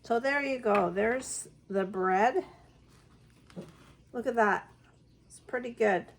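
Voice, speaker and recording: A woman's voice: a little high, takes it slowly, creaky, a little hiss or hum. A middle-aged woman chatting homily through a bread recipe in her kitchen. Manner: homey, chatty, step-by-step. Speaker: home baking vlogger. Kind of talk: casual cooking demonstration.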